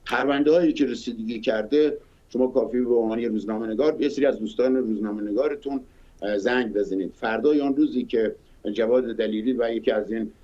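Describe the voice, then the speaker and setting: Journalist guy on a muffled line, mellow voice, keeps stopping with uh's. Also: mid-range voice. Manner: halting, earnest speech with fillers. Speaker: journalist guest. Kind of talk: broadcast interview.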